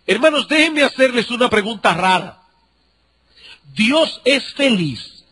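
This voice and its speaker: A man's voice: very high-pitched, animated, takes it slowly, sharp tone, breathy edge. A male pastor with a Dominican accent, preaching a sermon with rhetorical questions and repeated phrases.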